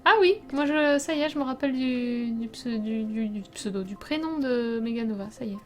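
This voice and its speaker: A young woman streaming a game, chatting casually with her viewers, laughing often and sometimes breaking into loud startled outbursts. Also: fairly high pitch, moderate pace, faint music behind. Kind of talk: casual let's play commentary.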